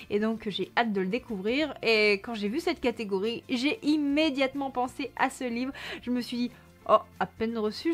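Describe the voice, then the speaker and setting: A young woman presents her reading list in a chatty, enthusiastic vlog, with frequent fillers. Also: fairly high pitch. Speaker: book vlogger. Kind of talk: casual book haul presentation.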